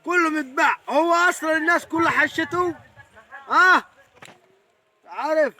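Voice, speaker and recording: A man playing a gruff farmer, scolding and threatening a neighbor over his clover. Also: very high-pitched, moderate pace, pushed and bright, exaggerated voice.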